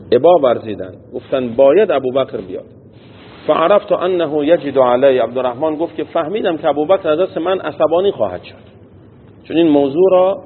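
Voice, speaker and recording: A man teaching as a religious teacher. He reads a text phrase by phrase and explains each part in plain everyday words. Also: on the high side. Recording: tinny phone-like sound with long hall echo and faint noise.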